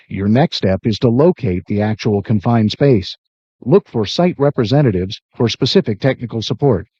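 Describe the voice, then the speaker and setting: A man reads scripted instructional narration in a measured way, like a training video narrator. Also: medium pitch, darkish tone, dry recording. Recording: dull lo-fi worn videotape sound.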